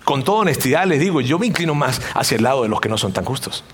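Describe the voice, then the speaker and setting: A man's voice: mid-range voice, lively intonation, fast talker, slight background noise. A middle-aged man, preaching a conversational sermon and acting out the voices of people in his examples. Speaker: pastor.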